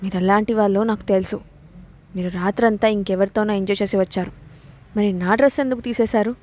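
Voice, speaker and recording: A woman reading the part of a fiery young bride who is quick to flare up and sulks like a child. Her voice sits at a middle pitch in this audio-story telling. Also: fairly even intonation, a little mellow, close to an everyday voice. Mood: fiery, petulant.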